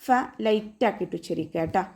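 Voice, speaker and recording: A woman with a Malayali accent leads an online Quran recitation lesson. She explains pronunciation rules patiently, one letter at a time. She regularly chants the verses slowly as examples for her students. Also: lowish voice, steady tone, gravelly, mellow.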